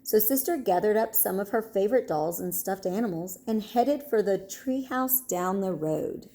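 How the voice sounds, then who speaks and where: A woman narrating a children's storybook in an expressive, storytelling manner. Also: mid-range voice, moderate pace.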